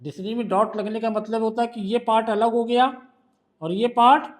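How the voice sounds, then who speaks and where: A man's voice: sits high, fairly even intonation, moderate pace. A male shorthand teacher with a Hindi accent, patiently quizzing a student during one-on-one tutoring.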